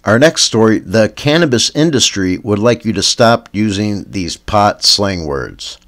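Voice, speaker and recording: This comedy news podcast host is a man with a Canadian accent, speaking at a fairly low pitch and a little slowly. He delivers spoof headlines in a deadpan tone before drifting off into meandering stoner tangents that end on a trailing "man."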